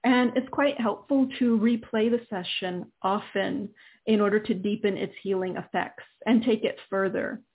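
A woman leading a guided healing meditation in a soothing, deliberate way, with pauses between phrases. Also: mid-range voice, steady tone, breathy edge. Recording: narrow phone-like band, muffled.

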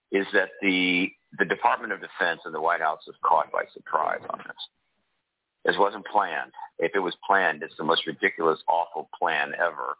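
An older man speaks in a deep, rich bass voice, congested with a cold. He answers as an interview guest in a halting, deliberate way. The radio audio is dry and slightly muffled. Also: no echo. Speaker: guest, political activist and disclosure advocate. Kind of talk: interview talk.

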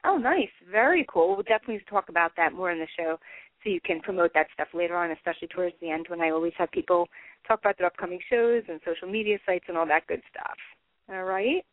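A woman's voice: on the low side, quick pace, no echo. New Jersey woman hosting over tinny phone-line audio. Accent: Northeastern US, New Jersey. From New Jersey, United States. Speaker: radio show host, interviewer. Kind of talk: casual radio hosting.

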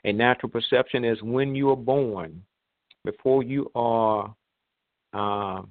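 A man's voice: mid-range voice, dry recording. Man talking over a tinny phone line. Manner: measured, pausing, with many fillers. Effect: heard over a phone line. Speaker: online radio host. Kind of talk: talk show monologue.

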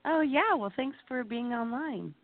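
A woman's voice: sits high, lively intonation, measured pace, dry recording. A woman calling in to a live show, heard over the phone and giving brief, casual replies. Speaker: caller. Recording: tinny dry phone line.

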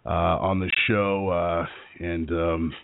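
A man with a rough, gravelly, hoarse voice hosting casual sports talk radio in an informal, rambling way. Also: low-pitched, little pitch movement, takes it slowly, noisy background. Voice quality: rough, gravelly voice from sore throat. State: hoarse, getting over strep throat. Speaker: radio show host. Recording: muffled, band-limited internet radio audio.

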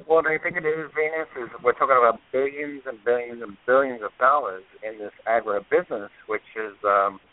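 A man's voice: medium pitch, fairly quick, hardly any pauses. A man co-hosting a casual radio chat, talking in a chatty, storytelling way with plenty of fillers. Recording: phone-like call-in audio.

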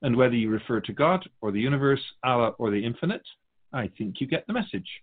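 In the role of a wise spirit guide, a man fields questions about human souls, lightly acted and reflective as he explains. The delivery is measured, philosophical, and gently instructive, with a medium male pitch that lifts and dips animatedly. The audio is narrow and tinny.

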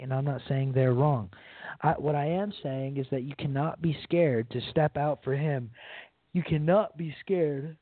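A man's voice: on the high side, no room sound. A man preaching an informal radio sermon in an earnest way, repeating his phrases and calling listeners brothers and sisters, heard over a phone line. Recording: dry, tinny phone-line sound.

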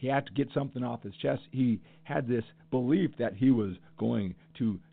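A middle-aged man hosts a solo podcast, speaking with earnest conviction and stacking repeated phrases for emphasis. His voice has a gravelly edge at mid pitch. The audio is thin and tinny, like a phone line. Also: moderate pace, no room sound. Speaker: podcast host. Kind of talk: passionate solo podcast monologue.

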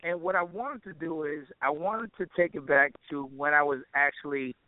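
Heard through phone-quality, echo-free audio, a man with a slightly high voice talks at a moderate pace. He's a musician and producer being interviewed, keeping things casual and slangy with lots of "you know" asides.

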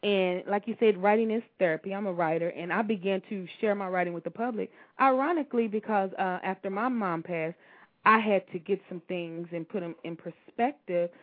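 A woman's voice: medium pitch, a little fast. Affirming woman host, tinny phone sound. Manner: affirming, familiar, slangy. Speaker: radio show host and writer. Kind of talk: casual interview chat.

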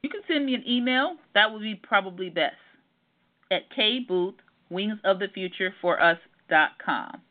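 A woman's voice: mid-range voice, animated, normal speed. A middle-aged woman, a family therapist, calling in to a radio show over the phone. She talks earnestly, with many ums and repeated words. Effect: heard over a phone line. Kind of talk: casual radio call-in interview. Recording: narrow tinny phone line.

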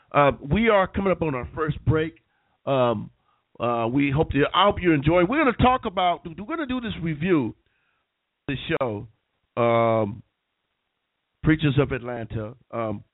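Nasal sick man hosting a call-in show. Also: mid-range voice. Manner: rambling with many restarts. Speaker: talk radio host. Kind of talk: casual internet radio talk. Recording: tinny phone-line sound.

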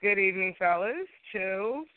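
A woman's voice: medium pitch, animated, measured pace, background noise. A woman caller talking on speakerphone in an outspoken, chatty call-in conversation. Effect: on a phone speaker. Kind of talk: casual call-in chat. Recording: tinny dry phone line.

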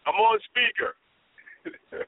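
A middle-aged man speaks on speakerphone from the road, his slightly high voice reduced to a thin, tinny phone sound. He calls in as a guest artist and talks in a steady, encouraging way, like someone giving advice. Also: very slow, a little hiss or hum. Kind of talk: phone-in interview. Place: in a vehicle on the road.

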